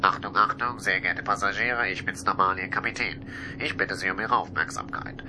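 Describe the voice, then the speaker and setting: A man playing a calm, formal airline captain making a cabin announcement in a comedy audio sketch. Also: deep voice, moderate pace, background noise, lightly acted. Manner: formal, matter-of-fact announcer tone.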